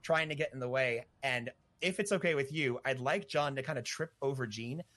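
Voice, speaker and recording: A man chats as a player in a tabletop role-playing game. His voice sits at a middle pitch. He is informal and a little hesitant as he describes his character's moves. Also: a little fast, fairly bright tone.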